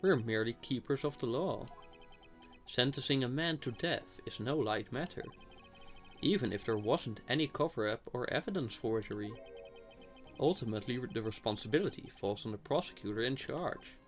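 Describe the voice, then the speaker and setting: A stern, composed prosecutor, played by a man reading game dialogue, speaks gravely and formally in a mid-pitched voice. Each phrase is measured and resolute, with faint music behind. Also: lively intonation, close to an everyday voice. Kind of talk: amateur voice-acting of video game dialogue.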